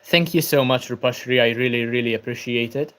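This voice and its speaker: Relaxed but tired, a young Maltese man chats on his book channel livestream from home, reading viewer comments and responding, greeting people by name. Maltese is his first language, and he talks fairly quickly in a mid-range voice with plenty of ums.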